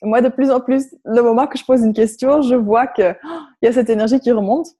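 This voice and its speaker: Female workshop facilitator, Flemish foreign accent in French, soft dark tone, halting delivery as she leads guided visualisation. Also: on the high side, husky. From Flanders, Belgium. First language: Flemish Dutch. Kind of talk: guided visualisation and spiritual coaching to an online group.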